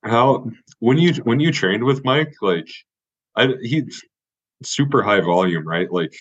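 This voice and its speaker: A man's voice: medium pitch, lively intonation, unhurried, slightly rough. A man hosting a casual podcast chat, laid-back, asking questions and swearing casually. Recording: dull lo-fi podcast audio.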